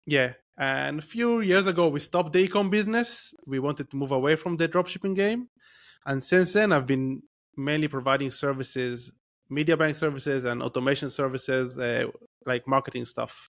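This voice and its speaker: A man with an Israeli accent, in his thirties, speaks at a moderate pace in a medium-pitched voice. As a podcast guest in a casual interview, he tells his story in a meandering way, often restarting and filling pauses.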